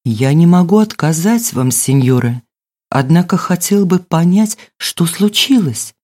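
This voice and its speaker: Older male glassmaker, voiced by a woman narrator: cautious, slow, puzzled. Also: a little high, animated, mellow.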